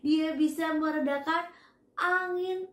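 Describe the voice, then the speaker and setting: A woman's voice: high-pitched, fairly even intonation, slow pace, echoey room, rough recording. A woman, a children's church teacher, telling a story to young children in an exclamatory, coaxing way.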